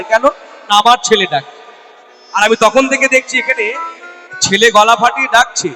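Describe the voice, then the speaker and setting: This man's voice is extremely high-pitched, bright and forceful, echoing through a large hall where he preaches as a kirtan singer. Before a live audience at the devotional gathering, he leads call-and-response chanting within his sermon. He addresses the women listeners directly and answers his own rhetorical questions.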